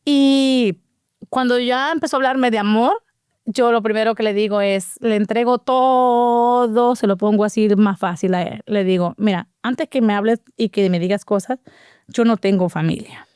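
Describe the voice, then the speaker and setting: At normal speed and in a smooth, fairly high voice, a middle-aged interview guest animatedly recounts her personal life story, performing the dialogue as she goes. The recording is dry and of studio quality.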